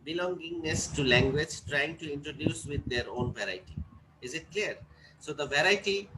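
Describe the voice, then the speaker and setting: A man's voice: on the high side, normal speed. A man teaching an English class, explaining step by step and often checking whether students follow. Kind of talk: classroom lecture. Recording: noisy classroom recording.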